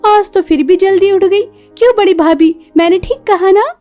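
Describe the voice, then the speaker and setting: A woman's voice: very high-pitched, normal speed, mellow, soft background music. A woman voicing a cheeky teenage college girl in a cartoon story, who talks in a chirpy, teasing way.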